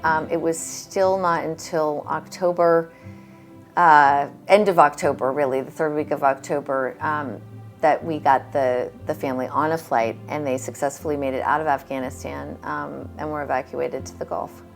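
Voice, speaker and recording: A woman from the United States recalling events in an interview, thoughtful and earnest, pausing with fillers. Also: sits low, fairly even intonation, vocal fry, soft background music. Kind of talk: interview recollection.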